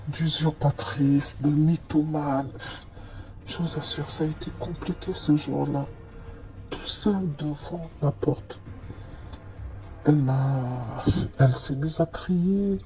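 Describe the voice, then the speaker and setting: A man's voice: on the high side, steady tone, takes it slowly, lo-fi sound, faint music behind. A man telling a first-person story in a hesitant way, with many fillers and restarts. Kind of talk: first-person testimony narration.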